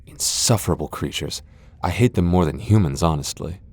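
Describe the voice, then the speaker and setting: For this fantasy ASMR roleplay, a man takes on the role of a very deep-voiced vampire lord centuries old, speaking at a moderate pace in a slightly mellow voice. He taunts the listener theatrically with sardonic, haughty disdain, a proud immortal looking down on them.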